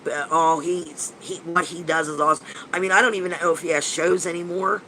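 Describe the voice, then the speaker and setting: Hosting a live chat as a paranormal investigator, this man in his fifties answers viewers casually and fairly quickly, in a steady tone. He sounds nasal and stuffy, bright and forward, a touch high for a man. The rough recording carries a faint hiss under his rambling, gushing speech, with frequent restarts and casual swearing.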